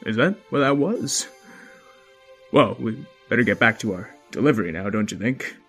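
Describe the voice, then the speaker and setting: A man voicing a gruff but kindly, hardworking dinosaur father in a children's story, speaking in a folksy, firm and encouraging way. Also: lowish voice, lively intonation, normal speed, a bit bright, faint music behind, pitched below the performer's own voice. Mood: amused.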